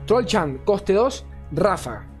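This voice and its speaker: A man reviews game cards in casual commentary. He is animated and swears, ranting and stumbling over names he forgets. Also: sits high, takes it slowly, faint music behind. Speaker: card game content creator.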